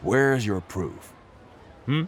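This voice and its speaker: A sneering tabloid editor. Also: male voice, medium pitch, lively intonation, drawn-out words. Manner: sneering, bullying, mocking. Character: sleazy scheming male tabloid editor, middle-aged. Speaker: game character. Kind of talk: video game voice acting. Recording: game audio with music behind.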